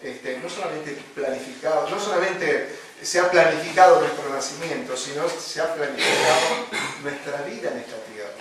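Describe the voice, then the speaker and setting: Speaking at normal speed in a fairly high, slightly bright voice, a man with a Rioplatense Spanish accent leads a chaplaincy class as a pastor. He preaches conversationally, tagging sentences with "¿no?" and using fillers. The sound is distant and echoey, with a bit of faint noise.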